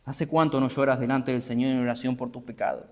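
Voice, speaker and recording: An earnest man preaching to his congregation, his mid-pitched voice carrying through a church hall. He presses his questions by repeating them, and a long reverb trails each phrase. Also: little pitch movement, fast. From Argentina. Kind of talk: sermon.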